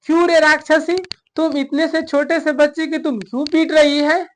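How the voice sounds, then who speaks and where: A man's voice: very high-pitched, fairly even intonation, normal speed, slight background noise, pitched above the performer's own voice. A man voicing an old woman who sells yogurt, scolding sharply.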